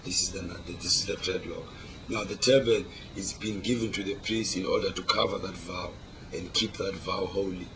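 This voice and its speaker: Over clear background noise, a low-pitched man explains his beliefs in Rasta speech. He sounds devout and emphatic, circling back on phrases as a preacher would. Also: steady tone, normal speed. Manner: emphatic, repeats words as he preaches. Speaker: Rastafarian interviewee. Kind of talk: explanatory religious interview talk. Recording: clearly noisy location recording.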